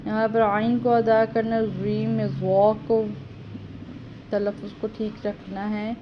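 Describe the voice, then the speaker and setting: A woman teaching correct prayer recitation, chanting each verse slowly and then explaining it quickly and quietly. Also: medium pitch, little pitch movement. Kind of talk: tajweed lesson with slow chanted recitation. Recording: slightly dull audio with faint background noise.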